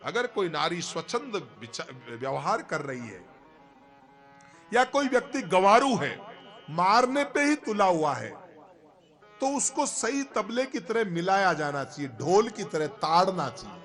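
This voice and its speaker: A man's voice: high voice, very animated, measured pace, fairly bright tone, faint music behind. A man giving a devotional scripture discourse, explaining points to his listeners through rhetorical questions. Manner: chants rhythmic drum syllables aloud. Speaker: religious discourse preacher.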